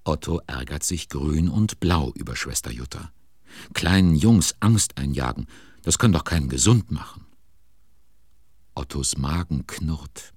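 Super deep gravelly guy narrating a kids story, slow and husky, dry close sound. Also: animated, dry recording. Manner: warmly amused, playful.

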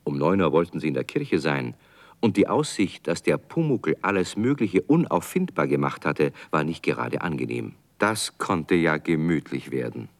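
A man narrating a radio play in a calm storytelling manner. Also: very deep voice, normal speed.

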